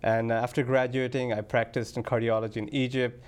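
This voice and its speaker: A man's voice: mid-range voice, level tone, brisk. A man from Bangladesh, a cardiologist guest on a call-in medical show, talking in a matter-of-fact, casual way.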